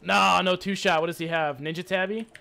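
Excitable high-voiced man gaming. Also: fairly quick, gravelly, a little hiss or hum. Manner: excitable, hyped, swears and taunts enemies. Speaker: gaming YouTuber. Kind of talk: live gameplay commentary.

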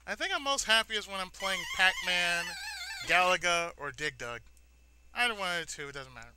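At normal speed and with big swings in his high voice, a man hosts a gaming video. He offers casual let's-play remarks, rambling sentimentally and echoing his own phrases. Noisy arcade-style game sounds play behind him.

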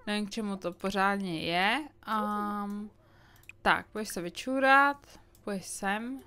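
A woman with a Czech accent giving casual let's play commentary, chatting to her game characters with sudden loud outbursts. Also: medium pitch. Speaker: gaming streamer.

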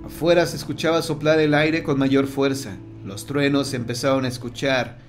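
A man reading a horror audiobook in a steady, measured storytelling voice. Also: medium pitch, soft background music. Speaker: narrator. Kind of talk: scripted audiobook narration.

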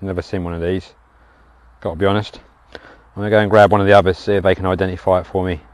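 A man's voice: low voice, little pitch movement, fast, no echo, rough recording. British guy talking to the camera out in a field, easygoing, keeps calling people guys. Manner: chatty, addresses viewers as guys. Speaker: metal detecting vlogger. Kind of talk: casual narration while digging outdoors. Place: open field outdoors.

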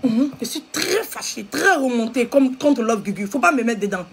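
A woman with an Ivorian French accent rants at her viewers in a raised, scolding voice, hammering the same phrases again and again. Her voice sits high and has a husky edge. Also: expressive, normal speed. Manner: heated, repetitive, scolding the audience. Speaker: social media commentator. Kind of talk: angry live video rant.

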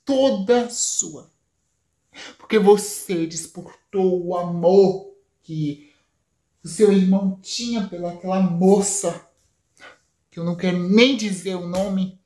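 A woman's voice: lowish voice, slow, long pauses, warm tone, roomy sound. Woman doing a bitter, blaming mother. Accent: Brazilian.

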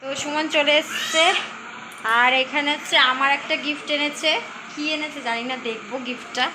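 A woman's voice: high-pitched, fairly even intonation, normal speed. A woman in her thirties narrating a casual home vlog in a chatty, rambling way with many fillers. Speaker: vlogger. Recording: noisy home ambience.

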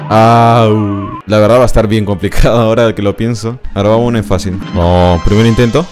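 A man with a fairly low voice gives live commentary on his game, talking under his breath and then yelping and urging his character on. Loud game music plays clearly behind his voice on the stream. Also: brisk. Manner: excitable, yelps and laughs at the game; talks at his character, mutters to himself.

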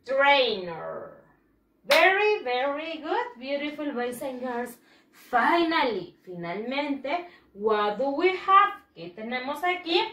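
A woman teacher giving a slow, drawn-out bilingual vocabulary lesson for children. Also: high-pitched, animated, sharp tone, recorded from a distance. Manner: slow, drawn-out pronunciation drills. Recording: echoey room.

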